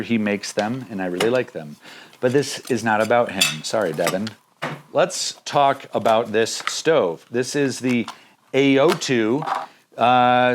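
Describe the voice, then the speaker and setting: A man's voice: medium pitch, slight background noise. A man casually reviewing budget backpacking gear outdoors, upbeat and jokey in a plainspoken way.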